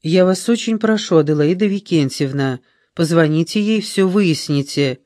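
A man reading an audiobook, voicing a young woman in her twenties who questions firmly and calmly. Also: a little high, moderate pace, dry recording, studio quality, lightly acted. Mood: probing. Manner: firm, probing, calm.

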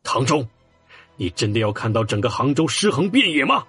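An actor playing a stern, angry middle-aged councillor in an audio drama. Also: male voice, mid-range voice, big pitch swings, normal speed, fairly bright tone, breathy edge, no echo, faint music behind, exaggerated voice.

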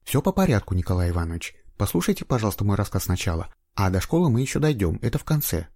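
A man's voice: fairly low pitch, very animated, fast, dark tone, dry recording, studio quality. A man voicing an eager young female trainee investigator in an audiobook, with a raised, insistent voice. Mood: earnest. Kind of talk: audiobook reading.

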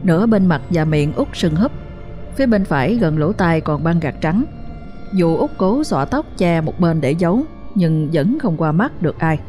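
Woman, ghost story narration, low, warm. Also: animated, normal speed, soft background music.

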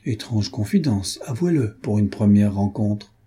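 Unflappable young gentleman, grave and measured, read by a man, dark voice. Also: lowish voice, husky, full character voice. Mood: calm. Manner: calm, grave, nearly solemn. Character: calm, composed young gentleman. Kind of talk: audiobook character reading.

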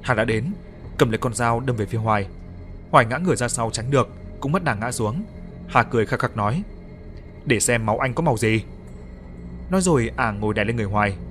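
Male audiobook narrator, steady, mid-pitched, dark thriller reading. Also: quick pace, faint music behind. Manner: steady storytelling.

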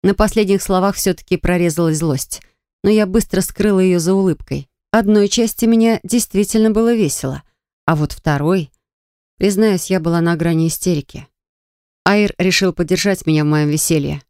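A woman narrating a fantasy audiobook in the first person, with lively, expressive storytelling. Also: fairly low pitch, moderate pace, clear, resonant tone, no room sound, clean studio sound.

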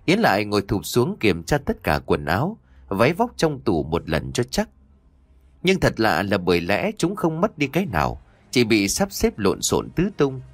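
A man narrating a horror story in an expressive storytelling manner. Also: fairly low pitch, dry recording.

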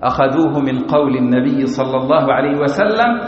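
A man's voice: mid-range voice, expressive, fairly quick. Guy giving a friday sermon, fired-up questions, big echoey mosque, muffled sound. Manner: impassioned, rhetorical questions, rising emphasis. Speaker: preacher. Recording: echoey hall, dull lo-fi sound.

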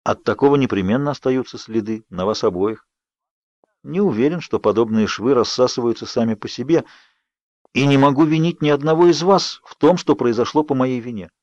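A man voicing Edward, a sorrowful ageless vampire who speaks softly and with resignation, in an audiobook. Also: mid-range voice, a little fast, dry recording, close to an everyday voice. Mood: resigned. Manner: soft, murmured, resigned. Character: sorrowful ageless vampire youth, gentle and restrained. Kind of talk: audiobook character reading. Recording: dry, slightly dull studio read.

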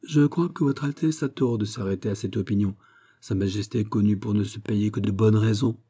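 A man's voice: on the low side, a little fast, dark tone, close to an everyday voice. A man reading an audiobook, voicing a deferential young courtier who feigns innocence. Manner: deferential, falsely innocent, polite. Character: evasive young male courtier, feigned naivety.

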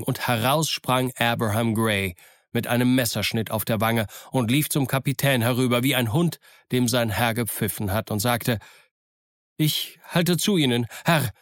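A man narrating an adventure audiobook in a steady, measured reading. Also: mid-range voice, no echo, studio quality. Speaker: audiobook reader. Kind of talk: scripted narration.

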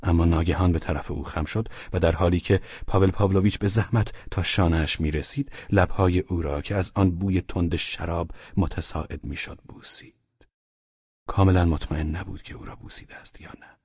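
A man narrating a classic novel as an audiobook in a measured, even storytelling manner, with a husky voice. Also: low voice, dry recording, dull audio.

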